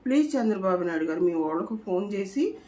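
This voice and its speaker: A woman's voice: medium pitch, animated, fast talker, mellow, low-quality recording. A woman, pleading directly to camera in a repetitive, imploring vlog appeal. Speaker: vlogger making a political appeal.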